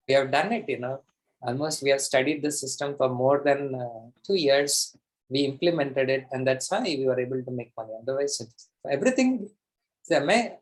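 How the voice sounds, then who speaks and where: A man's voice: fairly high pitch, rough recording. A man with an Indian accent teaching a live online class as a coach, pushy and emphatic, repeating phrases for effect. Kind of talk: live interactive teaching, mixing English and Hindi.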